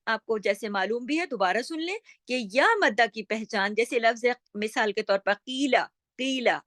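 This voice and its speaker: A woman's voice: on the high side, a bit bright, dry recording, clean studio sound. A woman teaching a tajweed lesson online, patiently explaining and repeating, often asking the viewer a question and answering it herself. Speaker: Quran recitation teacher.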